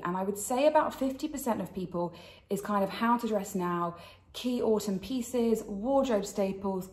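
A British woman chats to camera as a fashion vlog host. Wearing retainers slightly affects how she forms her words. Her voice sits at a middling pitch, with the noticeable echo of a kitchen around it. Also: a little mellow. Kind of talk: chatty styling vlog. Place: indoors in a kitchen.

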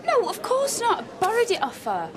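A woman's voice: very high voice, wildly swooping pitch, brisk, exaggerated voice. A woman with a Northern English accent playing an apologetic young woman in a naturalistic TV soap. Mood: earnest, guilty. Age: young adult. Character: apologetic young woman pleading and making amends. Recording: busy cafe and pub chatter behind.

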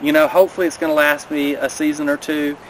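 A man in his thirties talks through hiking gear in a friendly, practical way, standing by a river in a mountain valley. The camera sits a few steps off, and clear outdoor noise runs behind his voice. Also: on the high side, level tone, fast, poor audio. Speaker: vlogger. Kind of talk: casual outdoor gear rundown. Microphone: camera a few steps away.

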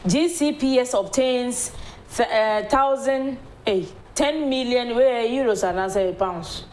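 A woman's voice: on the high side, takes it slowly, darkish tone. A woman in her thirties with a Ghanaian accent hosting a TV show, reviewing newspapers in casual chat and often laughing as she talks, recorded on a lapel mic in a small studio. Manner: mixes languages freely, laughs often while talking. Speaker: TV show host. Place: small TV studio with large windows.

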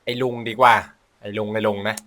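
A man giving casual comedic gameplay commentary as a video host, crude, sweary and excitable in his exclamations. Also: fairly low pitch, brisk, soft background music.

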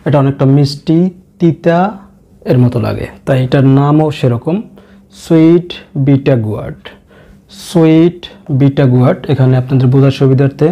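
A man teaching vocabulary, slowly repeating each word with care. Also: mid-range voice, warm tone. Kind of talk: vocabulary lesson narration.

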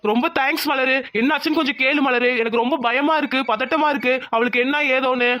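A man's voice: very high voice, steady tone, fast talker, pushed and bright. A man voicing a lovesick young village man in a cartoon, pleading and worried.

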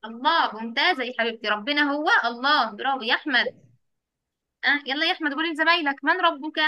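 A woman's voice: high-pitched, fast talker, sharp tone, no room sound. A young woman teacher with an Egyptian accent, coaxing small children on a video call, repeating questions and praising each answer. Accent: Egyptian Arabic. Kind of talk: online class for young children.

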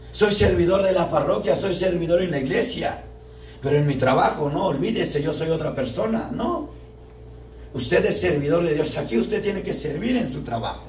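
High-voiced young man preaching in an echoey hall. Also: darkish tone. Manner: fervent, asks the audience rhetorical questions. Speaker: lay preacher at a parish prayer group. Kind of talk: sermon. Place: church hall. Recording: echoey room, mic far off, faint background noise.

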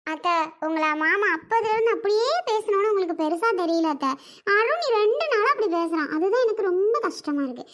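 A woman's voice: very high-pitched, lively intonation, a little fast. A woman playing a young wife who complains plaintively about her husband. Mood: complaining. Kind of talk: family skit acting.

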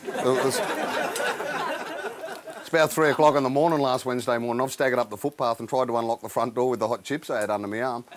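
A man's voice: mid-range voice, fairly even intonation, fast talker, long pauses, crowd noise. A man with an Australian accent doing crude, laconic stand-up comedy.

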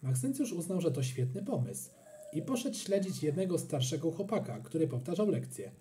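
A man narrating a children's storybook in an expressive, animated manner. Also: fairly high pitch, moderate pace, slight background noise. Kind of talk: storybook reading.

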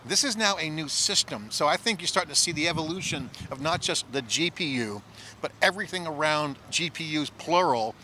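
Brief: middle-aged male tech host, slightly high, crisp bright voice, handheld mic outside. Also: expressive, a little hiss or hum. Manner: rapid, enthusiastic, riffing. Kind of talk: on-site analysis chat. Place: outdoor plaza at a conference.

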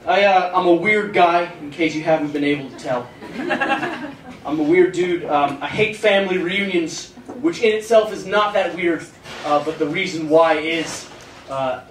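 High-voiced teenage male stand-up comic, roomy club. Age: eighteen. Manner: self-deprecating, awkward storytelling. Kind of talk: stand-up comedy routine. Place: small comedy club stage, indoors. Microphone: handheld stage microphone, recorded from the audience. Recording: roomy club sound, distant, some noise.

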